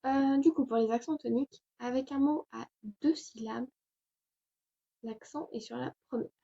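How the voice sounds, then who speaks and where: A young woman hosts a casual online language lesson from home, chatty and hesitant with lots of fillers. Her high-pitched, mellow voice has vocal fry, fairly even intonation, and normal speed, and the recording sounds dull and lo-fi.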